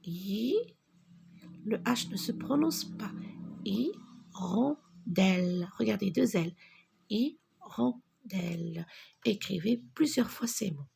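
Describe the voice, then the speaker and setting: A woman teaching children to read, slowly spelling out letters and syllables and repeating each word, often half-whispering. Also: mid-range voice, animated, vocal fry, a little mellow, a little hiss or hum. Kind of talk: reading lesson for young children.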